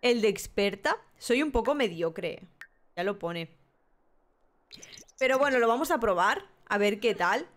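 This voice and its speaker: Woman, Spain Spanish accent, young adult, live gameplay streamer, chatty, laughs a lot, fairly high voice. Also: lively intonation, unhurried, pauses often. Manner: chatty, laughs often, reacts to the game.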